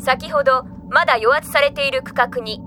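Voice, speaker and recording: A woman playing a dutiful female combat android in a Japanese sci-fi game, speaking formally in measured, emotionless phrases. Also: high voice, sharp tone, a little hiss or hum. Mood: calm, reporting.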